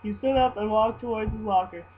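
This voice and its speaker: A woman giving an amateur dramatic reading of fan fiction, halting and prone to stumbles. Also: mid-range voice, breathy edge. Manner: halting, stumbles over words and breaks into giggles. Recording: muffled, humming home recording.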